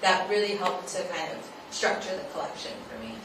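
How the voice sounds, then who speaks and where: A woman with a fairly low pitch, the guest author at a book talk, answers audience questions in an animated yet halting, thoughtful way, frequently hedging with "like." The talk is unscripted. It was recorded from a distance at the live venue, so the sound is very echoey and noisy.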